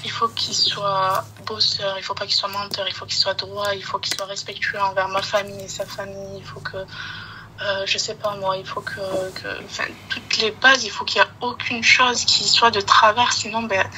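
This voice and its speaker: A woman calling in to a live show, slowly and hesitantly explaining what she wants in a partner. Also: mid-range voice, little pitch movement, noisy background. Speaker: caller asking for advice. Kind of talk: casual live call.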